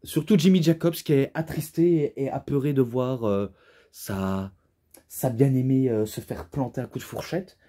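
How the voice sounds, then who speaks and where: A young man talks through a wrestling DVD review in a loose, casual way. He rambles, restarts his sentences and leans on fillers. His voice is mellow and a little husky. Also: medium pitch, moderate pace.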